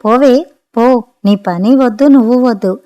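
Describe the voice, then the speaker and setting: A woman plays an impatient housewife from an audio storybook who snaps at her servant. The voice is somewhat high, curt and scolding. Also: normal speed, darkish tone, natural voice. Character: sharp-tongued adult daughter, impatient woman.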